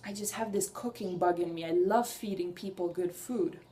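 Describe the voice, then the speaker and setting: A young Hungarian woman talks to camera in a casual personal vlog, earnest and enthusiastic, rambling a little and restarting sentences. Her voice is lowish and warm, at normal speed.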